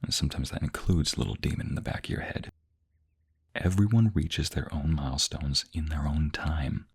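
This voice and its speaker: Man as a very deep, breathy boyfriend in whispered role-play. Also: moderate pace, heavily acted. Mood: tender, soothing. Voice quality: low, breathy, gravelly. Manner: soft, gentle, soothing, intimate. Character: tender, reassuring boyfriend comforting his crying partner.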